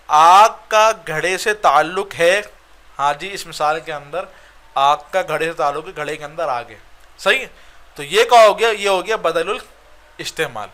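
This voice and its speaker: A man's voice: on the high side, bright, forceful tone. A man with a Pakistani Urdu accent teaching Arabic grammar in a recorded online lecture, explaining step by step and checking "right?" after each point.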